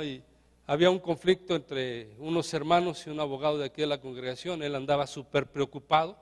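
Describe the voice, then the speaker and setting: A man's voice: a little high, big-room sound. A man with a Mexican accent, a pastor giving a sermon in a conversational way, often asking the congregation questions. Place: church.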